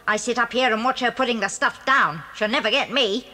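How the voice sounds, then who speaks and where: An actress voicing an angry, territorial rat in a children's audio drama, scolding indignantly. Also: female voice, fairly high pitch, brisk, sharp tone, big-room sound. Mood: scolding, defiant. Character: angry, territorial, bad-mannered cellar rat.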